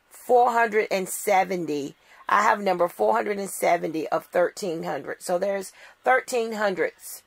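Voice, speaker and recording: A middle-aged woman talks casually through an unboxing in a low, gravelly voice. She sounds tired. She gushes and repeats her words for emphasis. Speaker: doll collector vlogger.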